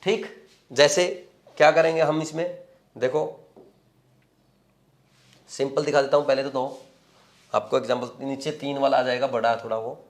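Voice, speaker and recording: A man's voice: medium pitch, fairly even intonation, moderate pace, long pauses. A man teaching chemistry in a lecture, explaining step by step in mixed with English terms and often checking whether students are following. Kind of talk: classroom lecture at a board.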